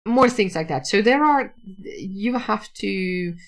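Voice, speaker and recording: A Dutch woman from the Netherlands, a writer hosting a livestream, talks casually about writing in English as her second language. Her medium-pitched voice is animated but slow, full of restarts and fillers.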